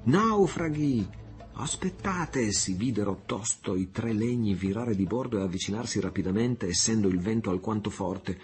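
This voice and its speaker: A man narrating an adventure audiobook with a steady storytelling delivery. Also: on the low side, brisk, hardly any pauses. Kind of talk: scripted narration. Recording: faint music underneath.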